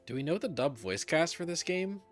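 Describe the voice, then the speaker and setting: A man's voice: fairly high pitch, brisk, faint music behind. A man giving casual, joking commentary as he plays a video game. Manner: animated, joking.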